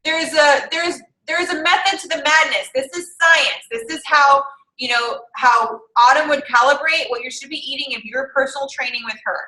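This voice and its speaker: Young female fitness coach, high bright voice, casual encouraging talk, roomy echo. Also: moderate pace. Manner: chatty, encouraging, thinking aloud through calculations. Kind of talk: casual online group coaching.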